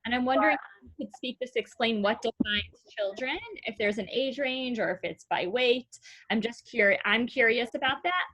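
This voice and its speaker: A woman's voice: a little high, normal speed, fairly bright tone, rough recording. A woman teacher hosting a virtual class over a video call, asking probing, encouraging questions with some hesitant fillers.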